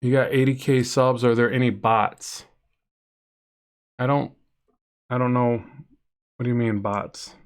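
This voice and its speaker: Clear and resonant, this man's nasal voice stays at medium pitch with little pitch movement, keeping a measured pace and pausing often. He's a comic artist on a drawing stream, casually talking with viewers, rambling, and reading chat aloud.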